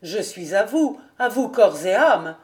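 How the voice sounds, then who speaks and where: A woman voicing a fawning male cousin who exclaims with theatrical flattery in an audiobook. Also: on the low side, a little slow. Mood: effusive.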